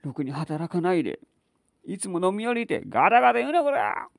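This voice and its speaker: A man puts on a loud, abusive drunk of a father for a spoken story. The voice is gravelly and bellowing, with wild leaps in pitch. It sounds dry and close. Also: wildly swooping pitch, fairly quick, no echo, full character voice. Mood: raging. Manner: bellowing rough threats.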